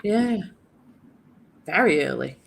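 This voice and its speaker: Low-voiced British woman, under the weather. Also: animated, slow pace, gravelly. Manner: informal, sweary, self-deprecating. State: feeling ill and run-down, with a cold. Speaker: guest on a readathon livestream. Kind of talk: casual chat. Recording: home livestream with faint background noise.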